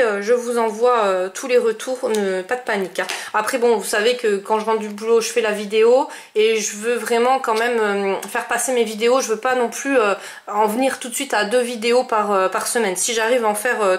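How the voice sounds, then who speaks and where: A fairly high-voiced woman talks casually and at length, full of hesitations and restarts. A faint hiss and small clicks sit under her voice. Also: fairly even intonation, brisk. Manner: chatty, many fillers and restarts. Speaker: scrapbooking vlogger. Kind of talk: casual chat showing mail.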